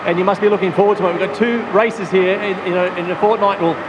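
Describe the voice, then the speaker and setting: Male interviewer, rapid speech, higher pitch, chatty matey post-race questions, noisy trackside. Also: fairly even intonation. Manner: informal, matey address.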